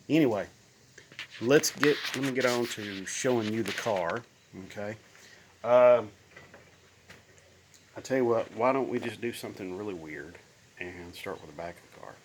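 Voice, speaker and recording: Poor audio, with slight background noise, records a lowish-voiced man in his fifties who's sick with bronchitis and slightly nasal. He vlogs about his old car from his cluttered garage, phone at arm's length, in a folksy, rambling manner full of ums and restarts.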